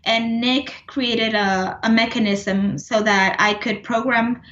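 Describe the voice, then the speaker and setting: Woman, 30s, from Puerto Rico; thoughtful guest voice, middle pitch, roomy and slightly dull. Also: steady tone, slow pace, a bit bright. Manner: thoughtful, many restarts and fillers. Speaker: composer, interview guest. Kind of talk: casual interview conversation.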